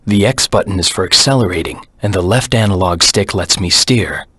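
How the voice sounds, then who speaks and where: A man voicing a brooding, serious hedgehog antihero in a video game, with a low husky rasp and a measured, deadpan delivery. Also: no room sound. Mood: cool, matter-of-fact. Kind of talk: scripted game tutorial voice acting.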